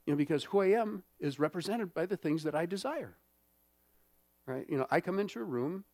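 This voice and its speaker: In clean studio sound with no echo, a pastor with a high-sitting, somewhat mellow voice preaches briskly and with animation. His sermon feels conversational, peppered with fillers and regular check-ins with the people in the pews.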